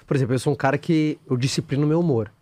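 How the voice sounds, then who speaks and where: A man with a Brazilian Portuguese accent hosting a casual podcast chat in a relaxed, slangy way. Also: mid-range voice, rapid-fire, no room sound.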